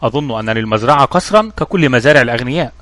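A man voicing a calm, shrewd young investigator in a storybook reading, with measured, questioning speech. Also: mid-range voice, no echo, natural voice.

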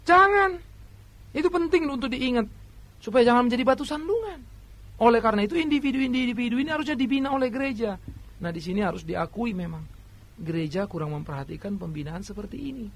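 A man preaching a sermon, swinging between loud exhortation and quieter asides as he addresses the congregation directly. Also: extremely high pitch, fast talker. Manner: addresses listeners as brothers and sisters.

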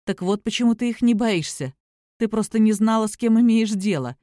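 A woman's voice: a little high, brisk, warm tone, no echo, studio quality, lightly acted. A woman voicing a friendly, teasing young male werewolf in an audiobook, speaking easily and affectionately. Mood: fond. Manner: easygoing, affectionate, calls her little one.

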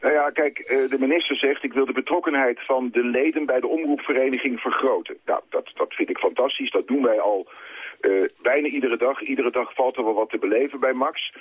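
Brief: insistent male radio guest, husky voice, tinny phone line. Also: mid-range voice, brisk, dry recording. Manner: insistent, arguing his case. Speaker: broadcaster chairman, phone guest. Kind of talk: live radio phone interview. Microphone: telephone.

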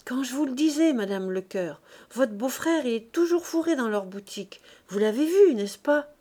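A woman's voice: mid-range voice, normal speed, darkish tone, natural voice. A woman reading aloud, voicing a gossipy, scheming old spinster who insinuates and pries. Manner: prying, insinuating.

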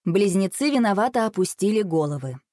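A woman narrating a children's audiobook in an expressive storytelling manner. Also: mid-range voice, fairly quick, no room sound, clean studio sound.

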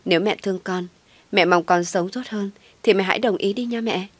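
A woman's voice: mid-range voice, a little fast, dry recording, natural voice. A woman voicing a coaxing young lover. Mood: coaxing pleading. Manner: coaxing, pleading. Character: devoted young man, coaxing and pleading. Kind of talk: audio story reading.

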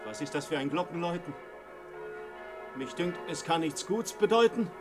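A man's voice: fairly high pitch, expressive, normal speed, music in the background, close to an everyday voice. An actor playing a rich man at his feast who is gripped by dread of death, declaiming rhyming verse in a 1950s stage drama made for radio. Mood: fearful.

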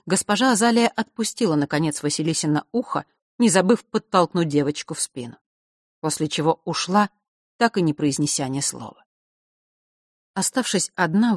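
A woman narrating an audiobook in a low, even reading voice. The recording is close and dry, and she reads with steady expression. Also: no echo.

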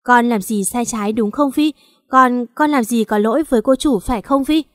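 A woman's voice: fairly high pitch, normal speed, no echo, studio quality, big-room sound, close to an everyday voice. A woman voicing an older mother who pleads and scolds her daughter in a storybook. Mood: frightened.

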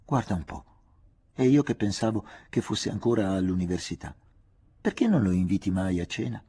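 A man with a husky voice reading the part of an aging father, kindly, fretful and confiding. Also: on the low side, lively intonation, normal speed, warm tone. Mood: curious. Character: aging father, anxious, gentle, talkative.

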